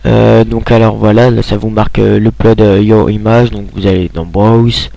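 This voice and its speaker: Rambling man, low gravelly voice. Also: little pitch movement, normal speed, warm tone, no echo. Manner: rambling, lots of hesitant "euh" and restarts. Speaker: YouTuber giving a screen tutorial. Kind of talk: casual screen-recorded tutorial. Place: at home at a computer.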